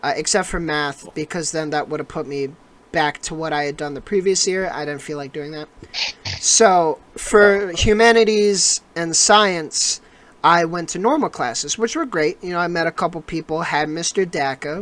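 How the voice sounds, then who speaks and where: A young adult co-host tells a long personal story on a casual podcast. The delivery rambles, full of fillers and restarts, and turns animated as the story builds. The pitch sits in a middle range. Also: normal speed.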